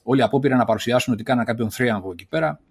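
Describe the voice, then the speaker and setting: A man's voice: mid-range voice, husky. A man co-hosting a podcast, explaining events at length in casual analytical chat, full of fillers and openly sceptical. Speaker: podcast co-host.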